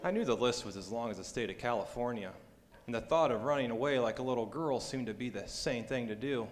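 A man playing a wry, wary private detective on stage, narrating in a deadpan hardboiled style. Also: mid-range voice, quick pace, soft background music, lightly acted. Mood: wry narration. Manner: deadpan, dry. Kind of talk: noir stage narration and dialogue. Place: hall stage before an audience. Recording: echoey hall stage recording, clearly noisy.

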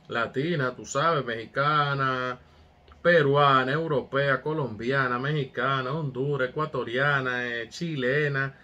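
A man's voice: medium pitch, pushed and bright. A man giving hyped, casual commentary as a music reaction host, talking straight to his viewers with street catchphrases.

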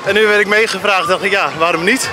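High-voiced man in a noisy crowd. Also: fairly even intonation, quick pace. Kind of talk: casual on-the-spot interview. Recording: crowd and noise outdoors.

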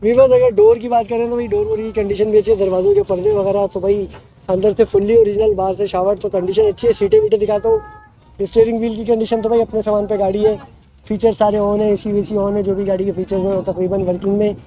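A man with a Karachi Urdu accent walking around a used car outdoors, giving a fast, upbeat salesman-style rundown of it. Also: very high voice, expressive, vocal fry, dark tone, poor audio. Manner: fast, upbeat salesman patter, repeats "bhai". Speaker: vlogger showing used cars. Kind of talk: casual walk-around car review. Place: outdoor car market lot.

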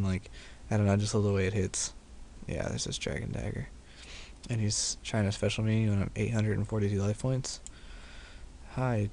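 Gravelly young man narrating his gameplay. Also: on the low side, a little mellow, slight background noise. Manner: profane, laid-back, laughing often. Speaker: gaming video host. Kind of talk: casual gameplay commentary.

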